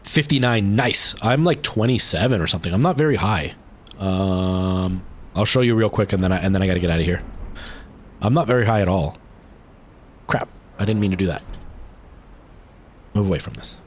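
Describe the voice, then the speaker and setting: Closing out a gaming session, a young man talks casually to his viewers at a moderate pace, pausing often. His talk rambles with fillers and restarts, climbing in pitch when he's excited, and there's slight background noise.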